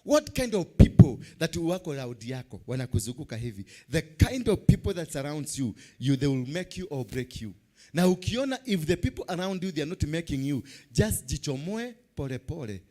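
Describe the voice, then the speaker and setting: A man's voice: on the high side, big pitch swings, brisk, warm tone. A man with a Kenyan accent delivering a church sermon like a TV preacher, emphatic and repeating key phrases as he switches between languages.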